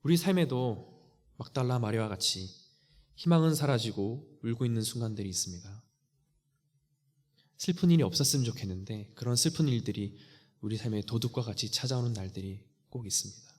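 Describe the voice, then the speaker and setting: A man preaching a sermon earnestly, often dropping to a hushed, near-whispered voice when quoting. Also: medium pitch, expressive, a little fast. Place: church sanctuary. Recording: church hall reverb.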